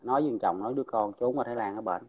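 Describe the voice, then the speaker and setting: A man's voice: lowish voice, very fast, husky, dull audio. A man from An Giang with a Mekong Delta Southern Vietnamese accent, telling local gossip in a blunt, rambling casual chat and chuckling along the way. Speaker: local storyteller.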